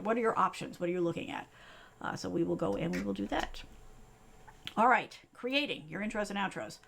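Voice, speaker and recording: A middle-aged woman from the US East Coast hosts a live tutorial stream as a tech coach. She talks quickly and conversationally, scattering fillers and "right?" checks through her points. Her voice sits at a middle pitch. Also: gravelly. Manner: fast, chatty, many fillers and tag questions.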